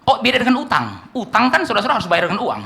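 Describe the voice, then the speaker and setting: A man preaching a sermon with an Indonesian accent, swinging from hushed asides to shouts and often addressing the congregation. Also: high-pitched, wildly swooping pitch, racing, creaky. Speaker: pastor.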